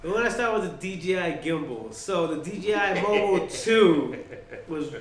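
A man's voice: high voice, animated, normal speed. A man co-hosting a casual tech podcast, giving blunt opinions and swearing freely in banter. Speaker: podcast co-host. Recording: roomy room with faint noise.

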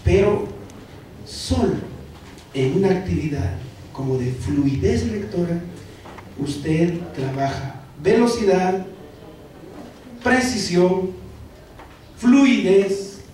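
Lively Guatemalan trainer, higher voice, lecturing a room of teachers from afar in a noisy hall. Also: male voice, takes it slowly, long pauses. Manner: animated, addresses the audience as colleagues. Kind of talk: workshop lecture. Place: large hall. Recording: echoey hall from far off, noisy.

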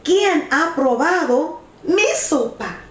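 A woman doing a calm mama bear. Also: high-pitched, pitched above the performer's own voice. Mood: puzzled. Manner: even, measured. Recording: echoey room.

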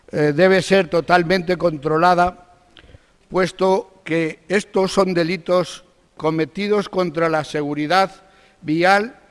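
A man's voice: high-pitched, clean tone. A man with a Spanish accent from Spain gives a formal, accusatory speech as an opposition spokesman in a district council meeting. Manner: combative, accusatory, rises when attacking. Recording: long reverb of a council hall.

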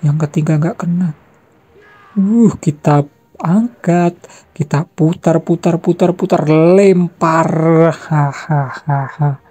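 A young adult giving excited gameplay commentary, trash-talking and shouting fight noises. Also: medium pitch, slow pace, breathy edge.

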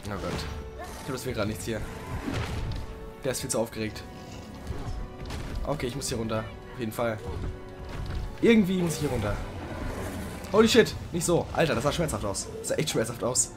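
A young man doing casual let's play commentary, chatting to the game creature and sometimes swearing loudly. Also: medium pitch, brisk, pauses often, over music.

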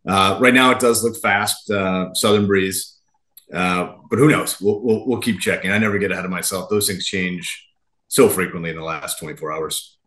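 A man who races sailboats answers interview questions in an easygoing, agreeable way. His voice sits a little lower than most men's. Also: steady tone, moderate pace, a bit bright. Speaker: racing sailor guest. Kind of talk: casual interview.

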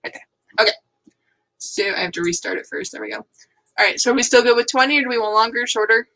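Bright-voiced young woman telling stories. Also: a little high, fast. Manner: chatty storyteller, acts out her own reactions. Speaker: co-host of writing sprint stream. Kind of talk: casual chat.

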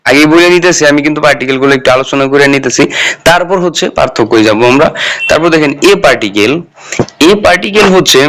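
A man's voice: medium pitch, a bit bright. A man from Bangladesh teaching a casual grammar lesson, asking himself questions and then answering them, and often checking whether his listeners are following. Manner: colloquial, checks in with "ঠিক আছে?". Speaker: Japanese language teacher.

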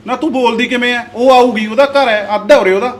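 An actor plays a hot-tempered but loving brother, a village husband who insists on buying gifts for his sister and argues with his wife. He sounds insistent and quick to anger, with a high, fairly bright voice.

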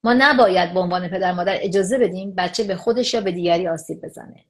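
A woman talking as an expert guest in a conversational show. She explains at length in a casual way. She slips into acted-out dialogue to make her points. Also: on the low side. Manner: animated, acts out quoted dialogue. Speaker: psychologist guest.

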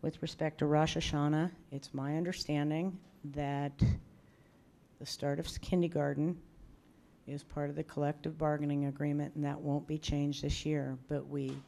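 A woman in her sixties speaks into a table microphone at a public meeting. Her delivery is measured and firm, low in inflection and mellow in tone. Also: level tone, gravelly. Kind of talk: measured formal remarks. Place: school board meeting room.

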